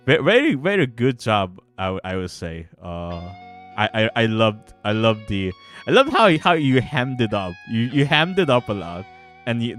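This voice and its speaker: Over background guitar music, a man who develops games holds a casual livestream chat, including some read-aloud narration. He stammers and repeats words, and his voice is fairly low in pitch with a slightly bright tone.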